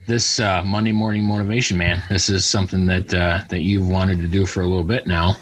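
A man's voice: deep voice, flat delivery, brisk, husky, no echo, poor audio. A man chatting casually as a podcast co-host in a folksy, informal, agreeable way.

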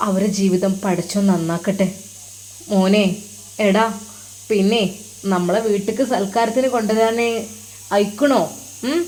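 A kindly old male religious teacher, put on by a woman storyteller, speaks. He coaxes his pupil with fond, gentle questions, at a middle pitch for a woman. The voice carries the homely tone of a spoken storybook tale. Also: unhurried, long pauses, close to an everyday voice. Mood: coaxing. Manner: coaxing, tender, questioning.

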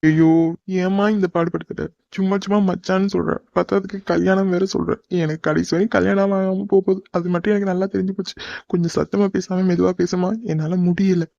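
Tamil-accent guy doing cartoon voice, quick talker, mellow, muffled dry sound. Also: high voice, level tone, gravelly, no echo. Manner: exasperated and pleading. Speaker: voice actor in a cartoon. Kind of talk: animated cartoon dub acting. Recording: dull dry lo-fi recording.

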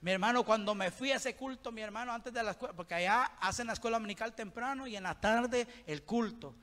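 A man preaching a fervent Pentecostal sermon in a church, shouting and constantly calling out to his brothers. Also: high-pitched, fast talker. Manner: fervent, shouting, keeps saying "mi hermano". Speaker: guest preacher. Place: church sanctuary. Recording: long hall reverb.

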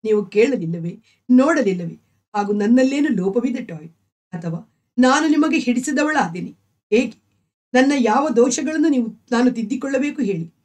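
A woman's voice: a little high, animated, normal speed, a little mellow. A woman reading as a grieving young wife. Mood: pleading, grieving. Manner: pleading, sorrowful. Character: grieving young wife and mother, gentle and devout.

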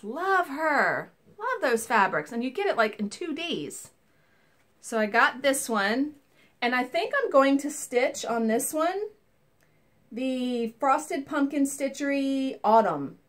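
A woman's voice: on the high side, a bit bright. A woman in her thirties chatting casually through a cross-stitch haul video from a small home craft room, recorded on a webcam. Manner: chatty, enthusiastic, rambling asides. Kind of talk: casual show-and-tell haul.

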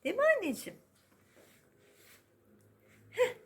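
A woman's voice: measured pace, fairly bright tone. A woman at home talking baby talk to her cats, cooing and teasing them in a sing-song way. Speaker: cat owner filming her cats. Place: at home indoors.

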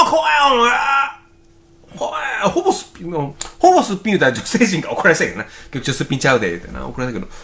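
A man with a Kansai accent giving casual, excitable reaction commentary as host, thinking aloud and exclaiming often. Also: on the high side. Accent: Kansai Japanese. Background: faint music video playing.

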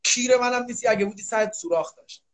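A man on a live stream, mocking and insulting the others with crude banter. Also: extremely high pitch. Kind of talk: heated live-stream argument.

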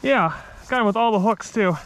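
A man's voice: high-pitched, fairly quick. A man in his thirties chatting casually while ice fishing outdoors, upbeat and rambling, recorded on a body-worn action camera. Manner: upbeat, rambling, excited when fish bite. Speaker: vlogger, angler. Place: outdoors on a frozen lake.

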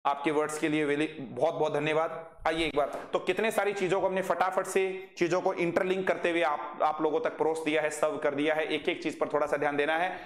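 A man's voice: a little high, little pitch movement, echoey room. Hindi-speaking man teaching English vocabulary. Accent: Indian English. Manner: drills students with quick questions, reads chat aloud. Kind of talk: live online class.

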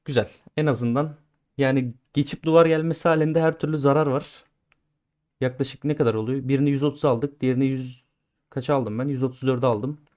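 A man's voice: mid-range voice, fairly even intonation, brisk. Chatty male gaming streamer. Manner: chatty, talks to viewers as he plays; swings between grumbling and loud cheering. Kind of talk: casual gameplay commentary.

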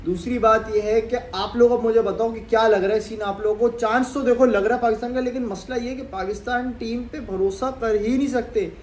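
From the sofa of his small home room, a young adult cricket vlogger from Pakistan speaks to camera casually, using his hands as he talks. His voice is very high and darkish, with fairly even intonation, a brisk pace and hardly any pauses. A faint hum runs beneath the room's echo.

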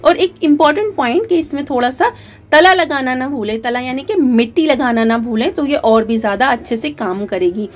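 A woman narrates a recipe as a channel host, her voice sitting a little high. She talks through each step calmly, pausing on fillers and mixing words into her speech. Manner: calm step-by-step instruction with frequent fillers.

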